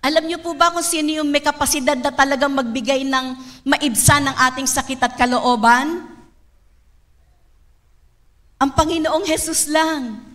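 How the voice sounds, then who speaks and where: A woman with a Filipino accent preaching a sermon, calling for amens and slowing down on key lines. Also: high voice, a bit bright. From Philippines. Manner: emphatic, calls for amens, draws out key words. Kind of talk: sermon mixing Filipino and English.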